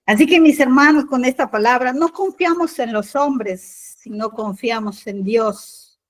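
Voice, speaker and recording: A woman's voice: fairly high pitch, measured pace. An Argentine woman preaching a sermon, telling a personal story and acting out the dialogue with animation. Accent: Argentine Spanish.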